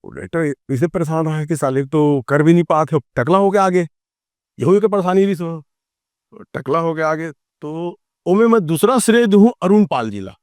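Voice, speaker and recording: Rambling Chhattisgarhi man, slightly high. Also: normal speed, no room sound, studio quality. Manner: rambling, animated, acts out quoted dialogue. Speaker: filmmaker and theatre actor. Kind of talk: casual storytelling in an interview.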